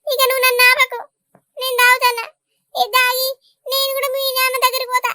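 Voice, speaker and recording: A woman voicing an emotional older village mother in a cartoon, pleading dramatically in a high-pitched voice. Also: steady tone, brisk, pushed and bright, no room sound. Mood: despairing. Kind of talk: Telugu cartoon dubbing.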